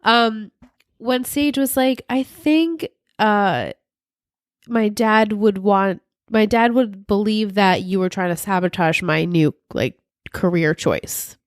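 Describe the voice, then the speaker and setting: Recapping a TV show on a podcast she co-hosts, a woman talks casually and slowly in a medium-pitched voice worn and stuffy from a sinus infection. Animated, she performs characters' lines in quotes as she goes. The recording is dry and studio quality.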